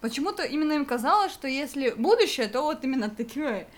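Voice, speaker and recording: A young adult woman co-hosting a casual nostalgic chat, rambling with plenty of fillers and quick laughs. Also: high-pitched, expressive. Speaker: podcast co-host.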